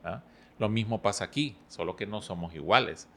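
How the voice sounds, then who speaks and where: A middle-aged man, a podcast guest who talks calmly and explains with stories and analogies. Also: on the low side, gravelly. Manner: storytelling, explains with analogies, calm and measured. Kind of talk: relaxed podcast conversation.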